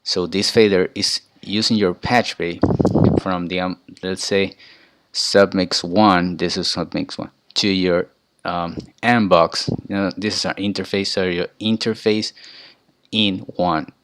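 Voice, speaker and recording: A man's voice: low voice, fairly even intonation, measured pace, a bit bright, a little hiss or hum. A man from Ecuador, giving an informal tutorial and explaining step by step, often restarting his phrases. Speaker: student presenter. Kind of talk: informal tutorial on audio mixing.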